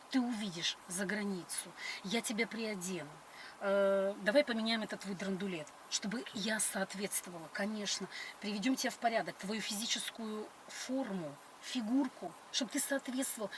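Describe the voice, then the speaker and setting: A woman's voice: medium pitch, moderate pace, a bit bright. A middle-aged woman chatting on a date in a grand, coquettish and condescending manner. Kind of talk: casual date chat. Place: inside a car. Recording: noisy car interior.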